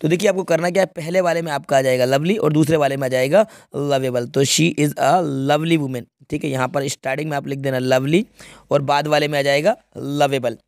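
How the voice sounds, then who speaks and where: A man's voice: on the high side, steady tone, a little fast, a little mellow, dry recording, clean studio sound. A man teaching English grammar, walking through an exam paper step by step and often checking that students follow. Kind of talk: exam paper walkthrough lesson.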